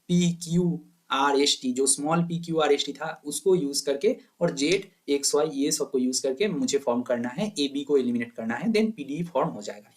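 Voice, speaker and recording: A man teaching a maths lecture, asking questions and answering them himself, mixing in English terms. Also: mid-range voice. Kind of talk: lecture to exam students.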